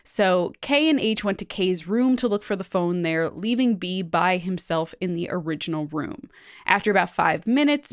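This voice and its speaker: A woman co-hosting a podcast, retelling listener ghost stories in an animated, joking way. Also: on the low side, no echo, studio quality. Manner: animated, swears and laughs. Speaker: podcast co-host. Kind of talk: casual podcast chat, reading listener stories.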